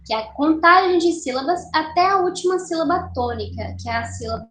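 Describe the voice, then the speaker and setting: A young woman with a high voice gives a recorded literature lesson. She explains step by step and slows down to count syllables one by one. The sound is roomy, with a clear echo. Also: expressive, a bit bright, a little hiss or hum. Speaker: teacher.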